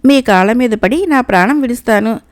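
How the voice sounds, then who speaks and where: A woman voicing a cunning male crow minister who speaks in a calm, pleading way, in a read-aloud fable. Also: fairly high pitch, a little fast, close to an everyday voice. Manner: pleading, storytelling tone.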